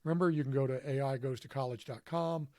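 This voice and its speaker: A man hosting a casual tutorial, walking through software on screen while thinking aloud in a self-deprecating, offhand way. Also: medium pitch, quick pace, no echo, clean studio sound. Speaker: podcast host demonstrating software. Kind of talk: screen-recorded tutorial walkthrough.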